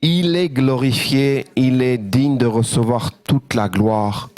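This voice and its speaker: A man's voice: mid-range voice, slow, darkish tone, no echo. A man preaching a sermon as pastor, joyful and engaging his congregation with questions. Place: church.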